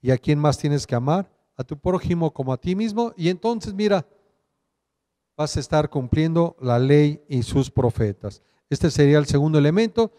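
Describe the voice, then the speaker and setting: Preacher guy, dark mellow tone, long reverb around him, keeps asking the congregation questions. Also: a little high, lively intonation, normal speed. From Mexico. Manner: teaching, asks the listeners questions. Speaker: pastor. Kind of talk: online sermon.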